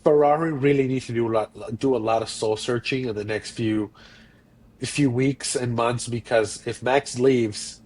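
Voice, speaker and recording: A man with a husky, slightly rough voice co-hosting a podcast, pushing back on the others and pressing them with questions. His pitch sits in the ordinary middle range for a man. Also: steady tone, a little slow, a little mellow. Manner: challenging, pushes back with questions. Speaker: podcast co-host. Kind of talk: casual debate on a podcast.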